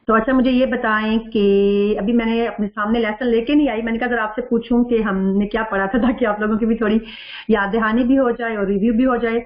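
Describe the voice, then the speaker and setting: With a fairly high pitch and steady tone, a woman teaching Quran recitation patiently goes over the last lesson in an echoey online class. She poses questions and reads out what students answer, and the audio sounds dull.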